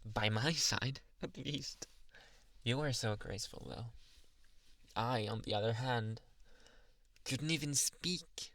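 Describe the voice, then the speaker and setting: A man playing a shy, tender boyfriend in a soft, halting, intimate ASMR role-play, teasing and adoring. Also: mid-range voice, no room sound. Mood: shy, fond.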